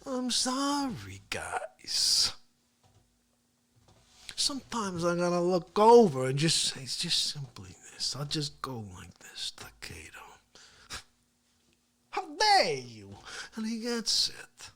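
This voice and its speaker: A performer playing a brash, boastful male talk-show host who rambles through a comedy rant, swinging between loud yelling and hushed asides. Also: medium pitch, wildly swooping pitch, takes it slowly, heavily acted. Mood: rambling, boastful. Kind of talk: comedic character monologue.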